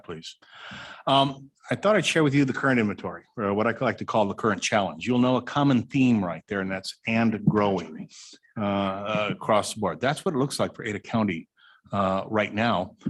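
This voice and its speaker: A man, a highway district director, presenting slides at a public meeting in a city hall room, halting with many uh fillers.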